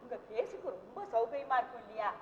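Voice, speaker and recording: A woman's voice: on the high side, animated, quick pace, dark tone, close to an everyday voice. An actress playing a fussy, doting mother who gushes over her son with repeated exclamations, in an old stage play recording. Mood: gushing. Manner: exclaims repeatedly, sing-song gushing. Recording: roomy hall, dull lo-fi old stage recording.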